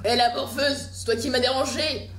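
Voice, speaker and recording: Woman playing a high-voiced, menacing young male killer. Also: fairly even intonation, moderate pace, a crowd in the background, close to an everyday voice. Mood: irritated menace. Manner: taunting, crude, irritable. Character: menacing, foul-mouthed young male scythe-wielding killer. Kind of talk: horror story character acting. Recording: roomy echo, music underneath. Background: music.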